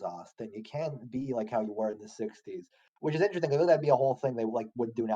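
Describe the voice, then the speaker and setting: A man's voice: dark tone, highs cut off. A young man co-hosting a podcast, chatting loosely with slang and swearing. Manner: loose, slangy, swearing, laughing at lowbrow jokes. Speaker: podcast co-host. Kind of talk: casual chat.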